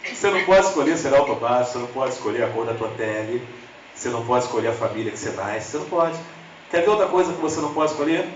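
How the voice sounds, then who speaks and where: A man's voice: rapid-fire, lo-fi sound, a little hiss or hum. A man with a Brazilian accent preaching a humorous storytelling sermon, chatting directly with the congregation. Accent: Brazilian Portuguese. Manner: swings into lively high voices for quoted people. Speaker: lay preacher. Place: church sanctuary. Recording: echoey church hall, slightly distant.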